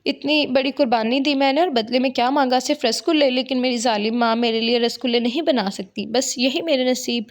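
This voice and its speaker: Spoiled, stubborn young bride in a storybook reading, whiny and theatrical; a woman does the voice, a bit high. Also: few pauses, close to an everyday voice. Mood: mock-sad. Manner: whiny and melodramatic. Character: spoiled, stubborn young wife, playfully dramatic.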